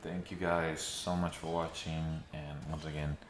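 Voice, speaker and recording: A man's voice: rumbling low, little pitch movement, measured pace, slight background noise. A man giving casual, sometimes dryly sarcastic commentary to his viewers, recorded with heavy echo in a nearly empty room. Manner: conversational, dryly sarcastic at times. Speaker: video essayist. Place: mostly empty room in a new home. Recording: echoey reverb from an empty room.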